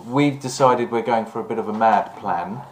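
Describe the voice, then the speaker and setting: A man's voice: lowish voice, normal speed, slight background noise. A man hosting a casual, rambling, jokey chat about vintage events. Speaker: host. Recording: roomy, echoing room sound.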